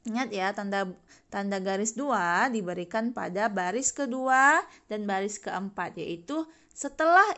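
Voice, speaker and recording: A woman's voice: medium pitch, expressive, measured pace, fairly bright tone. A young woman teaching an online lesson to children, cheerfully asking questions and answering them herself. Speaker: religious school teacher.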